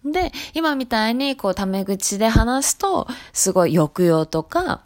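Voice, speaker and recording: A woman with a Hiroshima accent chatting casually on her voice blog as a shop salesperson, relaxed and talkative. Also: fairly high pitch, a little slow. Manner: chatty and relaxed, dialect thickening as she loosens up.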